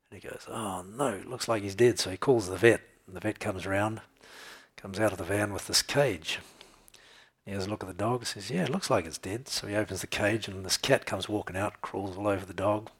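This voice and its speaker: A man's voice: lowish voice, husky. A man preaching a conversational sermon, telling jokes and checking in with his listeners as he goes. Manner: conversational, tells jokes and laughs, checks in with "okay?". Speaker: pastor.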